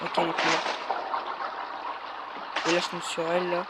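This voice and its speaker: Over a recording with loud background noise and hiss, a man gives let's play commentary on a horror game as a gaming YouTuber. His voice sits high and is monotone at a moderate pace, and he's jittery and frightened, yelping and muttering to himself.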